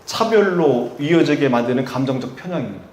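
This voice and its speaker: A man's voice: medium pitch, lively intonation, brisk, a little mellow, echoey room. A male pastor from Chungcheong with a Chungcheong accent, preaching a sermon and asking the congregation rhetorical questions before rising to emphatic peaks. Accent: Chungcheong Korean. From Chungcheong, Korea.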